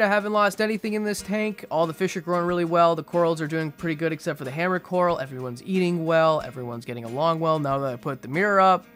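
A young man giving a casual aquarium update voice-over in a monotone, restrained way. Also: high voice. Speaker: fishkeeping video host. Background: music behind the voice.

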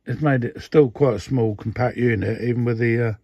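At his indoor workbench, an older radio hobbyist gives a casual hands-on demo of a modification, rambling through many fillers and false starts. He speaks briskly in a steady, dark-toned mid-range voice. It's captured as dry, dull lo-fi phone audio.

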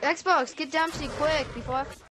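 A woman chatting casually during a co-op game, bossing her teammates around with quick orders. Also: sits high, fairly even intonation, sharp tone, a little hiss or hum. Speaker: gamer. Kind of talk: casual co-op gaming chat.

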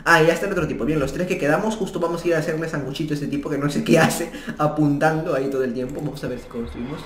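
A young man giving casual gameplay commentary from his new apartment, chatty and prone to sudden excited outbursts. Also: a little high, racing. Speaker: gaming YouTuber. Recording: echoey room, faint background music.

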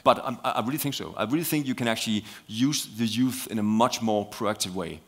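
A man's voice: lowish voice, a little fast. A man with a Danish accent speaking as a guest on a conference panel, talking animatedly with many fillers and repeated words. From Denmark.

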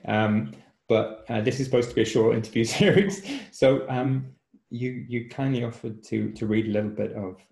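A man's voice: fairly low pitch, gravelly, a little mellow. A man from Cumbria interviewing a guest over a video call, friendly and rambling with lots of ums and restarts. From Cumbria, England. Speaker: magazine editor and interviewer. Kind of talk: casual interview chat. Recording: echoey room on a call.

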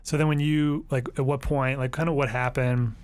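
A man's voice: medium pitch, little pitch movement, normal speed, smooth. A man hosting an interview, asking long rambling questions full of fillers. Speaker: podcast host. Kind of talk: casual interview chat.

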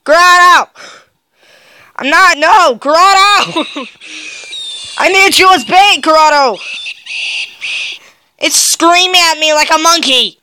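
A woman's voice: extremely high pitch, takes it slowly, pauses often, bright, forceful tone, no echo. A young woman doing gameplay commentary, jumpy and yelping with laughter when scared. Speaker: gaming video creator.

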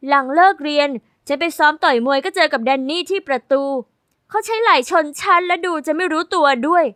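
A woman narrates a first-person diary story with lively, sassy delivery. Her voice sits high and sounds bright and forward. The recording is close and dry, with no room sound. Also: brisk, no room sound.

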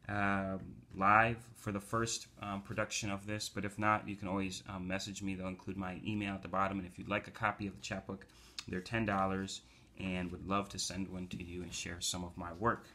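At a moderate pace and with a flat delivery, this American community organizer and poet speaks in a low voice with a bright, forceful tone. At home, he talks loosely with fillers before building to an emphatic reading of his own poetry.

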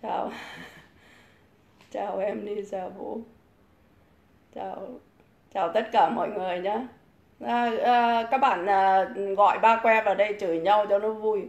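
A woman's voice: mid-range voice, fairly even intonation, measured pace, gravelly, pauses often, muffled recording. A woman hosting a livestream, ranting combatively and hurling insults and taunts at her critics. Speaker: livestream host. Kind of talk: profane livestream rant. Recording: echoey room.

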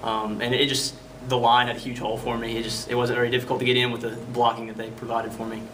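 A young man, a college football player, answering politely with "yes, sir" and many pauses. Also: medium pitch, completely flat delivery, fairly bright tone, slight background noise. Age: young adult. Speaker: college running back. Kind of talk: postgame interview. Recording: distant mic.

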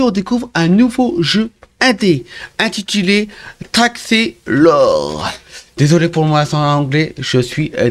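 Excitable French gamer man, bit high. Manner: excitable, swings from grumbling to cheerful explaining; keeps addressing viewers as friends. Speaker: gaming YouTuber. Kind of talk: casual gameplay commentary.

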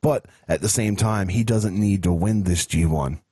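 A man hosts a casual podcast and gives blunt, profane opinions. His voice is very low and husky. The sound is dry and close, with no room around it. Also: moderate pace, warm tone, no room sound. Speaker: podcast host. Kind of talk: casual chat.

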